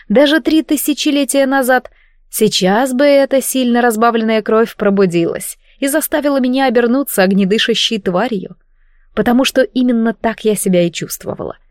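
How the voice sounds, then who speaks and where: A woman narrating a first-person audiobook with wry, lively storytelling. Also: fairly high pitch, moderate pace, no echo, clean studio sound.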